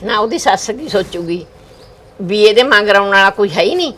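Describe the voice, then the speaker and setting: A woman's voice: mid-range voice, animated, normal speed, a bit bright. An older woman with an Indian Punjabi accent plays a worried grandmother in a village family drama, talking in an anxious, pleading way. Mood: fretful. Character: worried old grandmother, fretting over her granddaughter. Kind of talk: village web drama acting.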